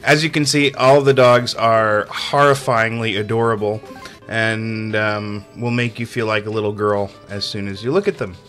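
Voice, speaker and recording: Over faint background music, a man delivers a casual, sarcastic voice-over reviewing a video game, chatty and amused and frequently laughing, with plenty of fillers. His voice is lowish and fairly bright, with a steady tone at normal speed.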